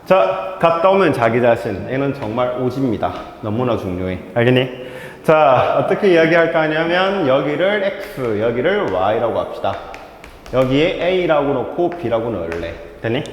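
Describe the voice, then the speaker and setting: Lively man teaching math in an echoey room. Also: medium pitch. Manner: checks in constantly with quick asides to students. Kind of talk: whiteboard math lecture. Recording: echoey classroom with faint noise.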